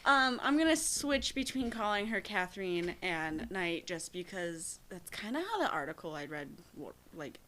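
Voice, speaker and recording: A woman's voice: lowish voice, expressive, normal speed, few pauses, fairly bright tone, a little hiss or hum. A young woman co-hosting a true-crime podcast, chatting casually with lots of fillers, restarts and giggles. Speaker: podcast co-host.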